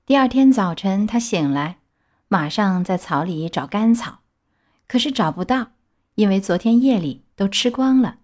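A woman reading a children's storybook aloud with lively, expressive storytelling. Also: medium pitch, measured pace.

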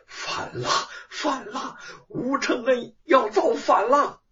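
A male storyteller voicing a haughty, vengeful imperial consort with a shrill, imperious voice. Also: very animated, unhurried, far from the mic, lo-fi sound, heavy background noise. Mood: furious. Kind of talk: traditional storytelling.

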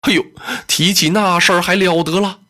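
A storyteller voicing a cautious, humble male lord who speaks low, hushed and soothing in traditional storytelling. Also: steady tone, fairly quick, close to an everyday voice. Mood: anxious.

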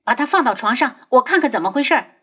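A woman's voice: sits high, expressive, fast talker, a bit bright, slightly rough, pitched above the performer's own voice, heavily acted. A woman voicing a proud young woman doctor who speaks firmly and with bitter mockery. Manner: firm, bitterly mocking. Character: proud young woman physician, hurt but dignified.

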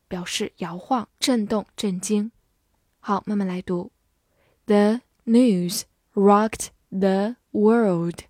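Woman, Mandarin Chinese native, English vocabulary teacher. Slow, patient delivery, spells words out. Dry, close sound. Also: mid-range voice, darkish tone, dry recording. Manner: spells words letter by letter and repeats sentences slowly. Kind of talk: slow, clear vocabulary lesson.

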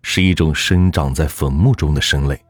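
A man narrating a folk ghost story in a measured, steady storytelling manner. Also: extremely low pitch, dry recording, studio quality, soft background music.

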